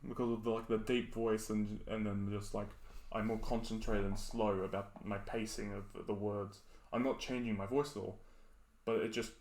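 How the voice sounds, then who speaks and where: A man's voice: lowish voice, level tone, moderate pace, a little mellow. A man with an Australian accent, chatting casually as a podcast co-host and laughing often as he rambles. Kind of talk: casual chat. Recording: roomy echo.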